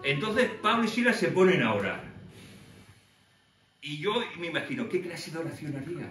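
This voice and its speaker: Preacher in an echoey room. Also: male voice, fairly high pitch, normal speed, far from the mic. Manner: animated storytelling with acted-out voices. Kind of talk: lively sermon. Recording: echoey room from afar with faint noise.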